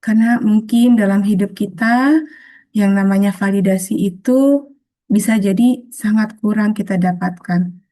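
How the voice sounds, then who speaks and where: A woman teaching a healing webinar over a video call in a soft, patient way, often calling her listeners friends and acting out short bits of self-talk in a higher voice. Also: measured pace.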